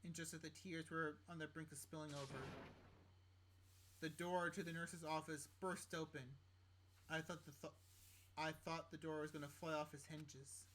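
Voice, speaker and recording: A man's voice: fairly high pitch, normal speed, slight background noise. A man streaming a visual novel, reading it aloud and cracking jokes at it. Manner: animated, joking asides, laughs at the game. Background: game music.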